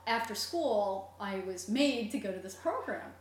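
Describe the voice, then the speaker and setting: In a casual chat, a middle-aged woman tells stories and explains things at length, speaking at a measured pace in an animated, medium-pitched voice. The mic sits far away, so the sound is echoey with a faint hum and noise.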